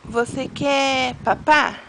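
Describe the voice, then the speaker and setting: A woman's voice: high voice, extremely slow, gravelly, pushed and bright, slight background noise. A woman with a Brazilian Portuguese accent, a mother using coaxing, sing-song baby talk with her toddler.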